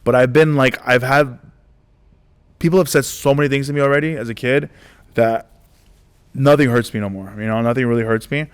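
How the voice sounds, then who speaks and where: A man's voice: mid-range voice, steady tone, fairly quick, pauses often, clear, resonant tone. A man, a stand-up comedian, telling stories in a casual interview, rambling with many restarts and fillers and acting out the voices of people he quotes. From United States.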